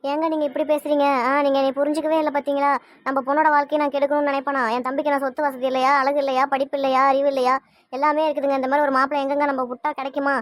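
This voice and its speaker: A woman's voice: high-pitched, flat delivery, no room sound, close to an everyday voice. A woman acting as an anxious mother worried about her missing daughter, firing off pleading questions in an amateur family web drama. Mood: defensive. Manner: rapid pleading questions, fretful.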